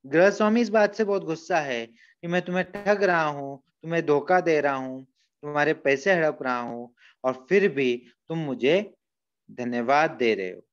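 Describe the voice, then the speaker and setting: A male teacher walks his class through a story, patiently retelling each scene and explaining what it means. His voice is fairly high, and the recording sounds dull and lo-fi. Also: moderate pace. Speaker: school teacher.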